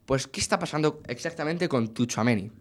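A man's voice: fairly high pitch, a little fast. A man with an accent from Spain, presenting football news in a casual, jokey chat with friends. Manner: animated, jokey news delivery.

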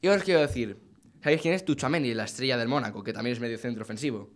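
A man's voice: mid-range voice, quick pace. Spanish man presenting football news. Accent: Spain. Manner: animated, jokey news delivery. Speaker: sports chat presenter. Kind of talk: casual football news chat.

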